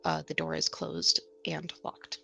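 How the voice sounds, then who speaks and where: Gravelly, slow-talking woman game master. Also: low-pitched, big pitch swings, pushed and bright, faint music behind. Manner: slow, halting narration with many fillers. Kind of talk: narrating a tabletop game.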